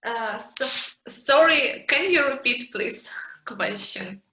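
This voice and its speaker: A woman from Ukraine answering as a webinar panelist in a halting, hesitant way over an echoing call. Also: fairly high pitch, expressive, bright, forceful tone. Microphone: video call. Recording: roomy, echoing online call.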